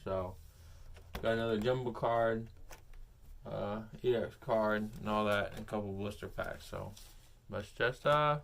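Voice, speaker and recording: A card-collecting video host talks casually to his vlog viewers while still groggy from wisdom teeth surgery, and his numb, packed mouth muffles his speech. His voice sits on the low side, a bit bright and creaky, unhurried and with long pauses.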